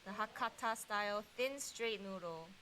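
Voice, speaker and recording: A woman chef on a tasting panel, explaining and judging food in a medium-pitched voice. A faint hiss sits behind her. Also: moderate pace, sharp tone, low-quality recording. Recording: clear background hiss.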